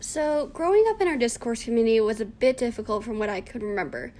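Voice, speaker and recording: This woman in her early twenties has a mellow, slightly high voice and talks at a quick pace. A native Cantonese speaker raised in the United States, she earnestly reads prepared answers for a class project interview, sounding scripted and reflective.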